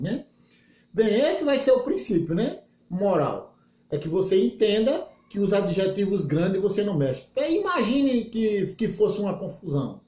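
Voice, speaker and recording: Teacher with a lively, patient explaining voice. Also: male voice, high voice, echoey room. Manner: explains patiently with folksy examples and frequent "né?" and "tá?". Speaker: English teacher. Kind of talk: recorded classroom lesson.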